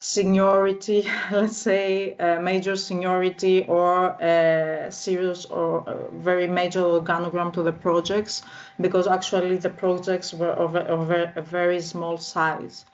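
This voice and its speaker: Woman, Greek accent, 30s, low-pitched, monotone, hesitant with fillers, slightly muffled recording. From northern Greece. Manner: measured and halting, frequent filler sounds. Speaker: guest. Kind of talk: interview answers.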